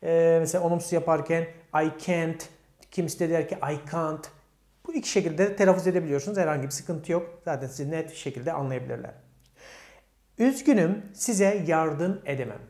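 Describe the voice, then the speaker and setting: Talking fast in a warm voice that sits on the high side, a man breaks down English grammar step by step for Turkish speakers. He raises questions for his students and answers them himself, voicing the examples in a Turkish accent. There's an echo in the room.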